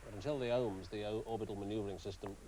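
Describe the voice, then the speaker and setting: A man's voice: lowish voice, steady tone, very fast, dark tone, poor audio. A man presenting live news commentary and putting questions to a guest. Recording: faint background noise.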